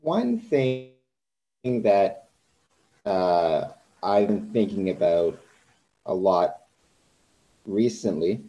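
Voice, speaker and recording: Male podcast host, low mellow voice, hesitant and halting. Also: very animated, muffled recording. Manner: hesitant, many ums and restarts. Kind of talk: conversational interview.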